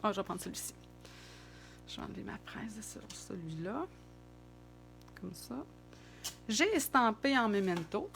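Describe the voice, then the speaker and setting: A woman's voice: mid-range voice, very animated, measured pace, gravelly, long pauses, fairly bright tone, faint music behind. A middle-aged woman with a Québécois French accent, chatting casually and thinking aloud as she demonstrates card making.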